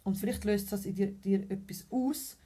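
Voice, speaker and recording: A woman's voice: mid-range voice, steady tone, normal speed, dark tone, breathy edge. A woman with a Swiss German accent, a podcast guest in casual chat, earnestly explaining her ideas step by step.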